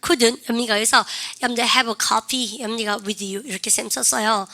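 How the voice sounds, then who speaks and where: A woman teaching an English speaking class, animated and drilling her students with prompts and slow, drawn-out example phrases. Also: fairly high pitch. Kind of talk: classroom lesson.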